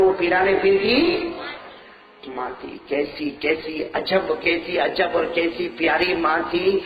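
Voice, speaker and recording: High-voiced man preaching in an echoey hall. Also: distant mic. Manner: dramatic, swings from loud calls to soft low lines; asks the crowd questions and acts out dialogue. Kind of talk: sermon storytelling.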